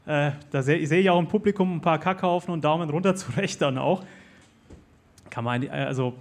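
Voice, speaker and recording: A man hosts a casual live talk. His voice is fairly high for a man, and he moves between questions to his guest and remarks to the audience. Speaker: host.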